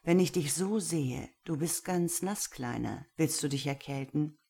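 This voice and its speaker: A woman voicing a self-assured older man who speaks slowly with teasing calm. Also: deep voice, gravelly, husky, heavily acted. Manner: slow, teasing, unhurried.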